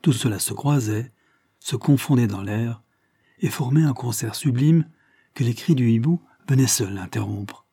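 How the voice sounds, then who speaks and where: A man reading a historical novel aloud as narrator, measured and literary. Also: medium pitch, dark tone, husky, no echo, clean studio sound.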